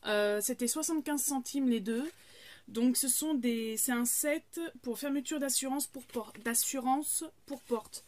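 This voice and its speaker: Woman in her 30s, casual haul vlogger, slightly high voice, rambling and friendly. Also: a little slow, a little mellow, no echo. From France. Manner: chatty, many fillers and restarts.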